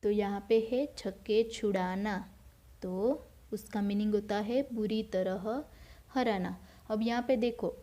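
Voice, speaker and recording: A schoolteacher, a woman, walks young pupils through a language lesson at an unhurried pace. Her voice is soft and mellow. She repeats each word and quizzes the class before giving the answer herself. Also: medium pitch. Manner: slow, patient, repeats words and asks then answers her own questions. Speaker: school teacher. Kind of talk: recorded Hindi grammar lesson for children.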